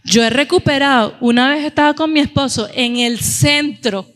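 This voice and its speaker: A middle-aged woman preaching a sermon in a church, telling stories in a lively way and acting out the voices of the people in them. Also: high-pitched, normal speed, big-room sound. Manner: animated storytelling, acting out quoted voices.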